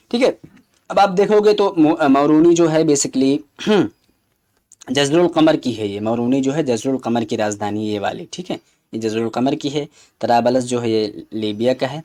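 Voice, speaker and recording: A man's voice: fairly high pitch, a little mellow. A man teaching an exam preparation lesson, walking through answers and explaining them step by step, with English terms mixed into his talk.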